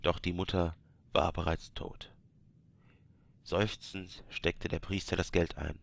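Slowly and flatly, a man with a low voice and vocal fry reads aloud from a fantasy game book, stopping now and then for joking asides to the audience.

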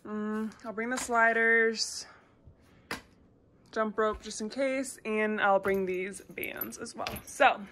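A woman's voice: medium pitch, fairly even intonation, takes it slowly, fairly bright tone, roomy sound, slight background noise. Bubbly young woman fitness vlogger. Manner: bubbly, chatty, coaching. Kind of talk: upbeat workout vlog and exercise instruction. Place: home, then car, then voice-over on gym clips. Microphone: phone camera at arm's length.

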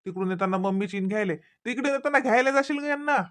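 A woman voicing a hurried father in a cartoon, rushing off to work. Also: on the high side, lightly acted. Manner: hurried, dismissive. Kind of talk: cartoon voice acting.

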